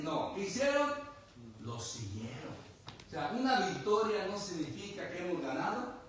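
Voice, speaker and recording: A man's voice: on the high side, a little hiss or hum. A man preaching a sermon as a pastor, with emphatic repetition and rhetorical questions to the congregation. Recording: very echoey room from far off.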